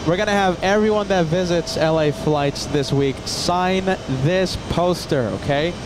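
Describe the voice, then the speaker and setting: Outdoor noise with a vehicle hum sits behind a man with a fairly high voice. He hosts a casual live plane spotting stream, talking straight to viewers and repeating his points for emphasis. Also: measured pace. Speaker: livestream host. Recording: steady outdoor ambient noise.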